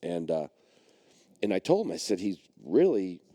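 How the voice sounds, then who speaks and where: Recorded dry and close, a middle-aged man who hosts a podcast and trains dogs spins a long personal tale in a low, mellow, sing-song voice at normal speed. He keeps circling back, with frequent fillers and restarts.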